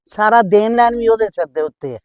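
A woman's voice: medium pitch, fairly quick, a little mellow, no echo, recorded from a distance, lo-fi sound, lightly acted. A middle-aged woman playing a scheming mother who scolds and nags her married daughter in a scripted family skit. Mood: scolding. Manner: nagging, scolding. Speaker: mother on the phone.

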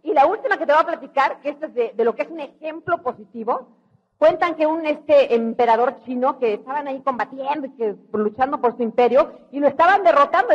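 A middle-aged woman with a Mexican accent giving an animated motivational storytelling talk, acting out voices. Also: high voice. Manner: animated, acts out quoted voices. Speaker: motivational speaker. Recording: dull lo-fi recording.

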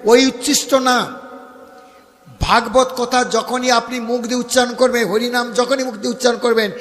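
A man with a West Bengal accent gives a devotional sermon, speaking high in his register. He preaches directly to his audience and breaks into chanted verses. The sound rings with a long hall reverb. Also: fairly even intonation, normal speed, a bit bright. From India. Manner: preachy, addresses listeners as baba. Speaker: Bhagavat reciter. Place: gathering at a home, live audience.

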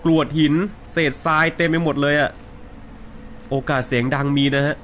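A young man doing casual let's play commentary on a horror game, joking and swearing coarsely, with loud yelps when startled. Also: fairly high pitch, steady tone, normal speed, a little hiss or hum. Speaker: gaming streamer.

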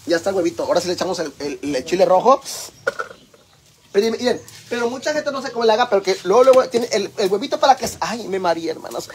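A man's voice: sits high, lively intonation, quick pace, a little hiss or hum. A man with a Mexican accent hosting a cooking livestream, chatting in a campy, teasing, foul-mouthed way with his viewers. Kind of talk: casual cooking livestream chat.

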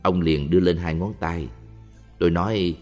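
A man reading a Buddhist story and memoir aloud in a steady, even voice. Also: low-pitched, normal speed. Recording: reverberant with faint music.

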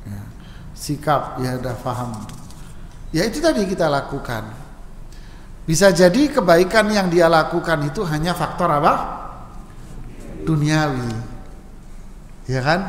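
Guy preaching q and a in a mosque, fairly high voice, lots of hall echo, jokey. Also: a little hiss or hum. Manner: relaxed, joking, mimics regional speech for laughs. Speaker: Islamic preacher answering questions. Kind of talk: mosque study sermon, question and answer. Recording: echoey mosque hall with long reverb, faint ambience.

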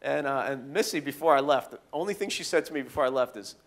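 A man telling goofy stories in a casual interview, animated and full of fillers. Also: medium pitch, fast talker. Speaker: guest speaker.

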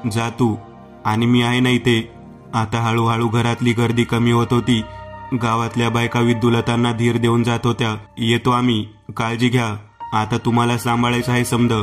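Flat-voiced Marathi man telling horror. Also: medium pitch. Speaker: storyteller. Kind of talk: scripted horror story narration.

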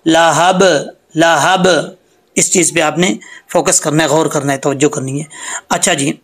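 A man teaching Quran reading in a screen-recorded lesson. He explains patiently, repeats words slowly and chants the recited words in a drawn-out way. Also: on the high side, breathy edge.

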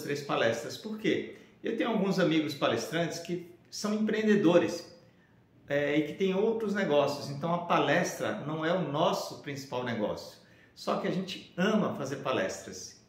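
A man, a professional speaker talking straight to the camera in an upbeat, casual pitch, recorded indoors in a room full of shelves. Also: echoey room. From Brazil. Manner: upbeat, addresses viewers directly.

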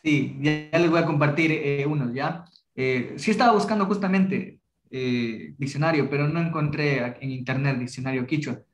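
Young man, casual halting teacher on a video call, slightly high, roomy sound. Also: soft background music. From Ecuadorian Amazon. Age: young adult. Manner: casual, halting, with many restarts. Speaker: Kichwa workshop teacher. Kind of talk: online class discussion.

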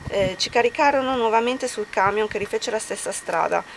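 A woman reading a historical account aloud in a measured, solemn way at an outdoor commemoration. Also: fairly high pitch. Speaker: reader at a commemoration. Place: outdoors at a memorial bike ride. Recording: outdoor recording with clear background noise.

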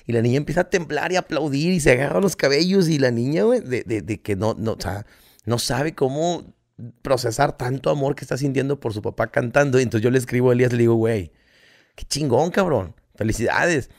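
Middle-aged mexican podcast host, crude joker, mid pitch, acts out quotes. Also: male voice, quick pace, a little mellow. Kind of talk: casual chat.

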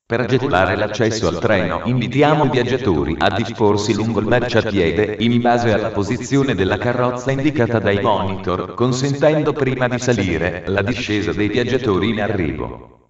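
A man's low voice delivers automated railway announcements over a station loudspeaker. The sound is muffled and heavily reverberant, as in a large hall. His phrasing is formal, measured and pieced together in segments. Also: expressive. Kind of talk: automated public train announcements. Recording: muffled, very echoey station PA, distant.

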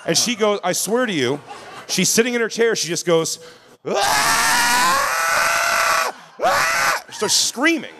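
A man's voice: sits high, moderate pace, raised voice, heavy background noise. A man telling a comedic story on a podcast, acting out the dialogue and laughing as he goes. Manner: animated, acts out dialogue, laughs mid-story. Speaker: podcast co-host.

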